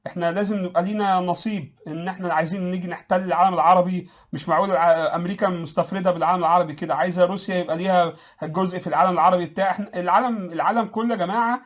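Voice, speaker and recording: A man's voice: high-pitched, steady tone, rapid-fire. A man with an Egyptian Arabic accent gives casual political commentary, answering viewers with sarcasm, laughing at his own points and restarting his phrases often.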